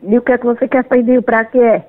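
A woman's voice: on the high side, level tone, brisk, no echo. Woman over a tinny phone. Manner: suspicious, then insulting. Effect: heard over a phone line. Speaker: prank call target.

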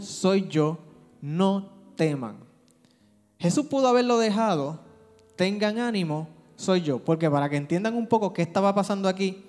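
A man's voice: fairly high pitch, darkish tone. Man preaching a sermon in a church hall. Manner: emphatic preaching with rhetorical questions. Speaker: pastor. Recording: church hall reverb with music.

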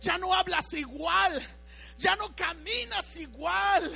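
A woman preaching a fervent sermon, at times rising to a shout. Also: very high voice, takes it slowly, vocal fry, faint music behind.

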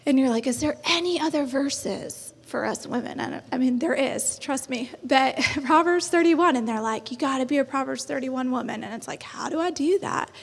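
High-voiced chatty woman in her thirties. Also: normal speed, vocal fry, hardly any pauses, breathy edge. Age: 30s. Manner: chatty, encouraging, laughs often. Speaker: panelist. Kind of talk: church panel talk. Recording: long hall reverb.

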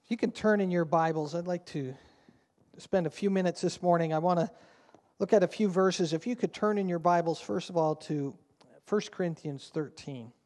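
A man's voice: sits high, moderate pace, a little mellow. A man preaching a sermon at a pulpit microphone in a church, speaking in an earnest, conversational way. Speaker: pastor. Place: church sanctuary. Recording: long church-hall reverb.

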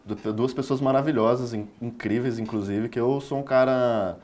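A man's voice: mid-range voice, moderate pace, a little mellow. A Brazilian man chatting casually as a guest, earnest and laughing often. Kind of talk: casual chat.

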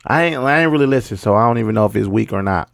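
A man with a gravelly, fry-heavy voice gives blunt song ratings on a casual panel. His talk is slangy and he repeats himself. The sound is dry and close, with little room in it. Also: fairly low pitch, animated, very fast, dry recording. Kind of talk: casual chat.

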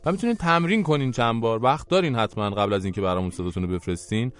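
A man hosting a radio show, casually giving advice to listeners with frequent filler sounds. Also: mid-range voice. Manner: relaxed, advisory, with frequent fillers. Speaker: radio host.

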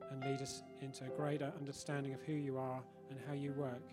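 A man's voice: medium pitch, monotone, brisk. A man leading a prayer and giving notices in a church service. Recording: loud guitar music behind the voice.

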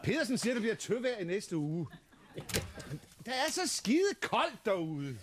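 A lazy, wisecracking middle-aged postman from a nineties sitcom. His voice sits high for a man and jumps around a lot. He talks in a wry, self-satisfied way. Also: very animated, background noise. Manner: wry and boastful. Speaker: sitcom character. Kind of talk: 1990s sitcom acting.

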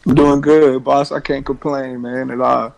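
A rapper from Louisiana. He speaks in a laid-back, even, flat tone and pauses on fillers as he answers interview questions. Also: medium pitch, creaky, rough recording. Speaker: rapper guest. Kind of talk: casual interview.

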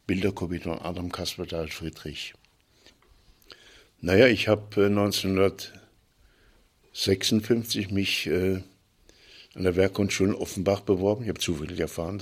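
An older man recounting childhood memories in a reflective, halting way, pausing and restarting his sentences. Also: deep voice, husky.

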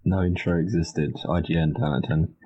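A man's voice: very deep voice, steady tone, fairly quick, muffled recording. A man co-hosting a podcast, giving dry, short replies. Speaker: podcast co-host. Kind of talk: casual chat.

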